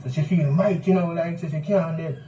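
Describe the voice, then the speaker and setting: A young Jamaican man tells his account haltingly, stumbling over and repeating words. His voice sits fairly high and is picked up from some distance. The recording is dull and roomy with loud background noise. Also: steady tone. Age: young adult. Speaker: eyewitness interviewee. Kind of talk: recounting in Patois-tinged speech.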